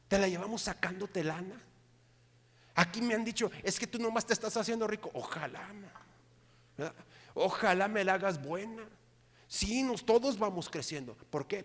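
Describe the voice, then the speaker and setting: A middle-aged man, preaching a sermon with animated delivery and often asking the congregation for agreement. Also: high voice. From Mexico. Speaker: pastor. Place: church hall. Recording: long hall reverb.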